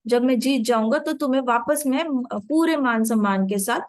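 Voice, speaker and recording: Calm earnest young king, woman doing the voice in a storybook retelling, kinda low and dry. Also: normal speed, no echo, close to an everyday voice. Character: humble, determined young king, male.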